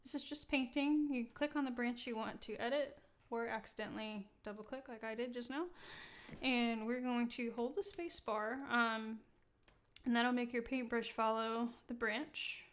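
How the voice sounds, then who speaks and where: Chatty woman with a slightly high voice. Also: steady tone, normal speed. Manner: casual, chatty, many ums, laughs at herself. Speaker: software demo host. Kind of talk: live-streamed software tutorial. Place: indoor room.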